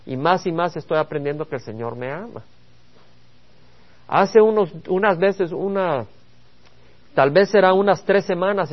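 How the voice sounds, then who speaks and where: A man's voice: sits high, muffled recording. A man preaching a Bible study sermon, earnest and addressing the congregation with rhetorical questions. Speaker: pastor.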